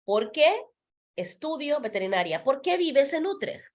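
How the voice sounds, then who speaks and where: Her voice sitting high and swinging widely in pitch, a Spanish teacher takes beginners through grammar at a relaxed pace, stressing key words. Patient throughout, she repeats words and examples slowly and moves between Spanish and English to explain.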